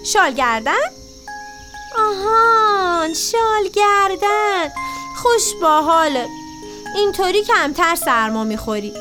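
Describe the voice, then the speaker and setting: A woman voicing a small, cheerful young squirrel in a children's storybook, with excited, chirpy lines over background music. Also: high-pitched.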